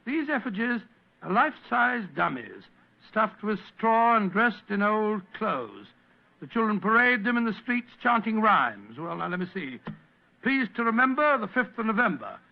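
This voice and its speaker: A genial, avuncular older English doctor of vintage radio drama. His voice sits high for a man and rambles fussily like a fond storyteller. The sound is a muffled old broadcast. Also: very animated, normal speed, gravelly, heavily acted. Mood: genial, storytelling. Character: genial, fussy older English doctor recounting past adventures. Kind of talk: 1940s radio acting.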